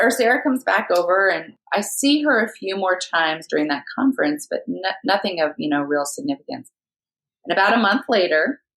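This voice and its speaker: Low, gravelly woman telling stories. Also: rough recording. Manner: lively anecdotal storyteller, laughs often. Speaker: podcast guest, author. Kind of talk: storytelling in conversation.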